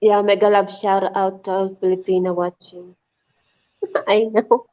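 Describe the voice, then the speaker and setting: A woman co-streamer chats casually on a livestream and sounds a little nervous about trolls. Her pitch sits in an ordinary middle range. The audio is dull and muffled. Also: level tone, a little slow.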